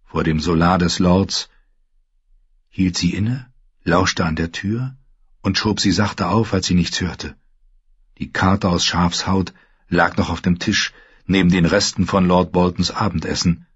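A man narrating a story in a calm, measured storytelling manner. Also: low voice, husky, dry recording. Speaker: audiobook narrator. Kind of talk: scripted narration. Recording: dull lo-fi recording.

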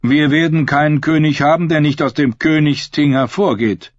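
A man's voice: on the high side, steady tone, moderate pace, no room sound, pitched above the performer's own voice, natural voice. A man doing a fierce, zealous old priest. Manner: stern, preaching, scornful. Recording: dull lo-fi recording.

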